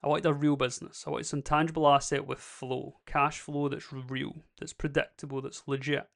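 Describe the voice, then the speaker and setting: Gravelly young man musing casually. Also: a little high, flat delivery, moderate pace, fairly bright tone. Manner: rambling, frequent fillers like "basically" and "like". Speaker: creator vlogging. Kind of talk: casual reflective monologue.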